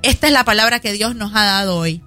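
Earnest woman pastor in her forties, crisp bright voice over faint music. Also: mid-range voice, quick pace. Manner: earnest preaching tone, addresses audience directly.

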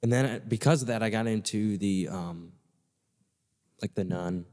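A man's voice: on the low side, normal speed, a little mellow. A man hosting a casual chat, loose and enthusiastic with some swearing, his voice ringing with a big hall echo. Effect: big echoey hall reverb. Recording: long hall reverb on voice.

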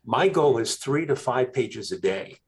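A man, a guest author, telling a story in a casual interview, with animated emphasis. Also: medium pitch, a little slow.

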